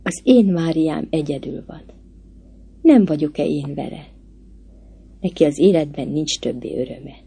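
A woman voicing a heartbroken young male painter who pleads quietly, almost like a prayer, in a storybook reading. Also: low voice, creaky, breathy edge, exaggerated voice.

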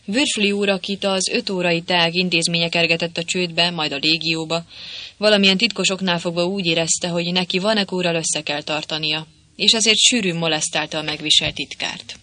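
An audiobook narrator reading a comic story in a clear, even storytelling manner. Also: medium pitch, no echo. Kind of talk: scripted narration.

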